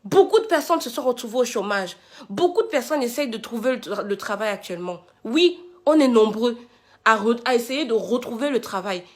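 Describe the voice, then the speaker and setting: A woman's voice: a little high, animated, a little fast. A woman delivers an indignant, confrontational rant to viewers, speaking emphatically and hammering repeated phrases and rhetorical questions. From Africa.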